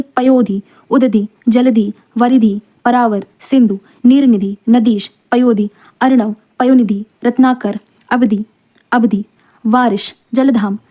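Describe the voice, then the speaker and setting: A woman teaching an exam-prep lesson, reading out long lists of words one by one with quick explanatory asides. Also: a little high, warm tone.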